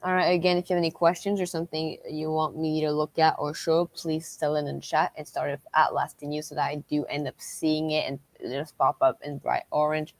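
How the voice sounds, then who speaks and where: A woman hosting a livestream as a weather tracker, talking through storm updates unscripted in a halting, repetitive way. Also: low voice, little pitch movement, no echo.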